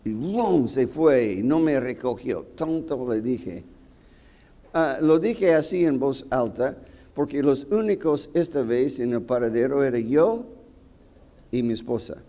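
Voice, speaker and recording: A man pastor preaching a sermon, telling a personal story with acted quotes and sudden loud bursts. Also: medium pitch, expressive, unhurried.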